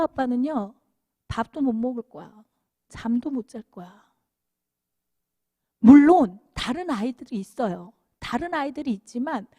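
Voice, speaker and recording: A woman giving a children's sermon, telling the story in an animated, sing-song way. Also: high-pitched, dry recording, clean studio sound. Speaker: children's minister.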